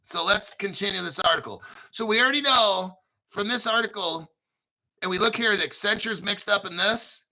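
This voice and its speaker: Here a high-pitched man talks at normal speed over rough audio, hosting a loose crypto commentary. He works through articles with sarcastic excitement, swearing along the way and clearing his throat often.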